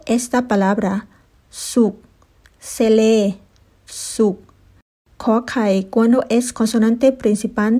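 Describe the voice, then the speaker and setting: A woman with a Thai accent teaching a language lesson, repeating each word slowly for her learners. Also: fairly high pitch, dark tone. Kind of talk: slow explanatory lesson.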